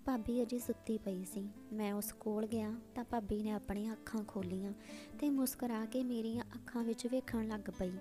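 A woman narrating a story in a steady, scripted reading style. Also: on the high side, moderate pace, over music.

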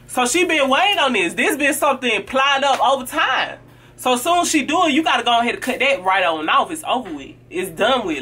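Sassy, blunt woman vlogger, bright voice. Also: mid-range voice, a little hiss or hum. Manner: blunt, sassy, acts out friends' lines in quoted voices. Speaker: vlogger giving friendship advice. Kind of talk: casual advice talk to camera.

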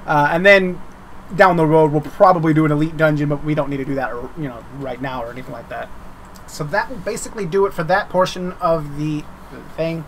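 A man's voice: on the high side, steady tone, brisk, a little hiss or hum. A man giving casual, unscripted update commentary as a game developer, rambling informally and circling back on his words.

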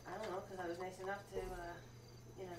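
A woman's voice: lowish voice, level tone, fast talker, reverberant, far from the mic, noisy background. A woman playing a video game with others, chatting playfully and complaining about being targeted. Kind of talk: casual gaming banter.

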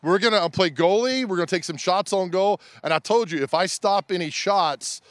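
A man's voice: high-pitched, a little fast, fairly bright tone, no room sound, studio quality. A middle-aged man doing a casual live TV morning report and interviews outdoors into a handheld mic, with a folksy, joking manner. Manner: jocular, folksy. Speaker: TV field reporter. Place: outdoor soccer field. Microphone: handheld reporter microphone.

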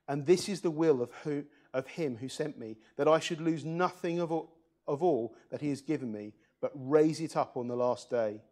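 A man's voice: a little high, moderate pace, mellow. A man preaching a church sermon, reading scripture aloud and putting earnest questions to the congregation.

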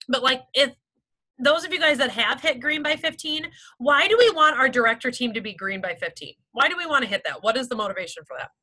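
High, bright-voiced upbeat woman. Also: expressive, a little fast, poor audio. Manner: upbeat, chatty, many "like" and "okay" fillers. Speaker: sales team director leading a meeting. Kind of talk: motivational team meeting talk.

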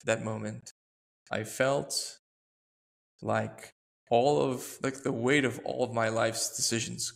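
A man's voice: medium pitch, gravelly. A man in his thirties, a podcast host telling a personal story in an earnest, reflective way, often searching for words. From United States.

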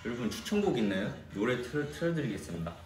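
A young man from Korea's Jeolla region, an idol singer, hosts a fan livestream, chatting casually and replying to comments. He talks fast at a medium pitch with big swings in his voice, and the distant mic catches an echoey room and soft background music.

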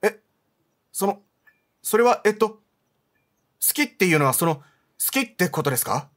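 A man reading aloud the lines of a kind, polite young man in a horror game, calm and subdued. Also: high-pitched, normal speed, pitched above the performer's own voice. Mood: gentle.

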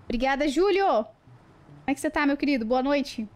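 A woman's voice: sits high, animated, brisk. A young woman chatting casually on a livestream, playful and talkative, greeting viewers one by one. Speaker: live streamer.

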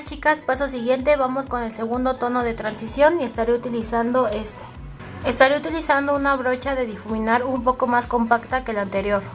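A woman with a Mexican accent hosting a makeup tutorial, talking chattily to her viewers step by step. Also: a little high. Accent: Mexican Spanish. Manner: chatty, addresses viewers as girls.

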